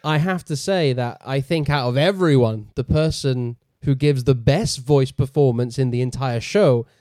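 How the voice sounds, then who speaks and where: Mellow-voiced excitable podcast man. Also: mid-range voice, normal speed, no room sound, clean studio sound. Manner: enthusiastic, excitable, swears. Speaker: podcast co-host. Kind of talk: casual review chat.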